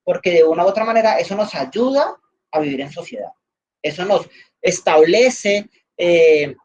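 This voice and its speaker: A woman's voice: lowish voice, expressive, moderate pace, a little mellow, highs cut off. Colombian woman teaching an online class. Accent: Valle del Cauca Colombian. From Valle del Cauca, Colombia. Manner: chatty, explains with everyday examples, many fillers. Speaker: instructor.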